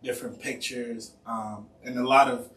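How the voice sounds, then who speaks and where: A man's voice: mid-range voice, steady tone, moderate pace, fairly bright tone. A man hosting a podcast interview, talking in a casual, slangy way with lots of "you know". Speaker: podcast host. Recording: roomy, distant mic, faint noise.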